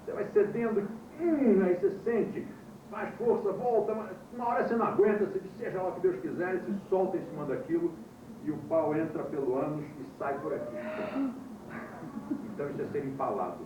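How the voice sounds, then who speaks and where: The instructor's voice sits high and his pace is brisk. He is a man teaching a class, quizzing students and telling wry stories, heard on an old VHS recording made far from the mic. The sound is muffled and echoey, with background noise.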